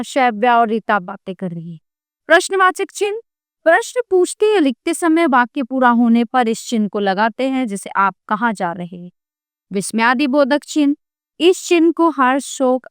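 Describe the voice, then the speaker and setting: High, smooth-voiced woman teaching children. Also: no room sound, studio quality. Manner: gentle, addresses children directly, asks rhetorical questions. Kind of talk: children's grammar lesson.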